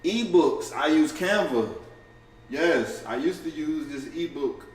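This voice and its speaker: A man in a casual livestream to camera, talking fast and loosely with lots of slang, profanity, restarts and "you feel me" asides. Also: fairly high pitch, lively intonation. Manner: fast and offhand. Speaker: content creator going live. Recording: roomy, distant camera audio with faint ambience.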